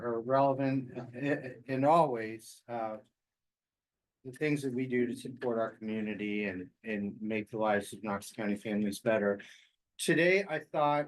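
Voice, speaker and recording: An American man giving informal remarks as an agency official at a public meeting, with halting phrasing. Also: medium pitch, poor audio.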